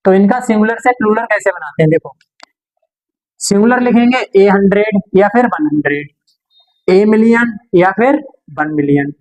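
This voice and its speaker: A man's voice: sits high, normal speed, darkish tone, poor audio. A male grammar teacher gives a classroom lecture. He talks through each rule step by step, puts questions to the class and answers them himself.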